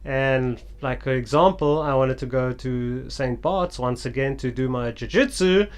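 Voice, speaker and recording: A man's voice: mid-range voice, unhurried. A man hosting a casual interview, chatting informally and jokingly as he asks questions.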